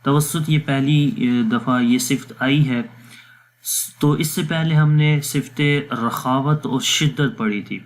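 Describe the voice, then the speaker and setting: A man teaching Quran letter pronunciation in a patient, step-by-step voice-over lesson, with slow, drawn-out demonstration syllables. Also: medium pitch. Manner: patient step-by-step explaining, mixes English words, pauses with fillers. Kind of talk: explanatory lesson with recitation drills.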